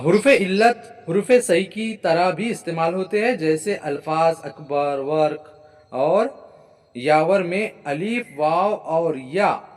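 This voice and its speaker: A man teaching an exam-prep grammar lesson. He repeats key points, keeps checking in with "ठीक है" and answers his own questions. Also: on the high side. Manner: repetitive, drilling with frequent "ठीक है" checks; asks a question then answers it himself.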